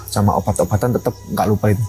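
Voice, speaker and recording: A man's voice: lowish voice, fairly even intonation, very fast, warm tone, soft background music, poor audio. A young man, a mountain ranger and guide telling a story in an interview and acting out its dialogue. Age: young adult.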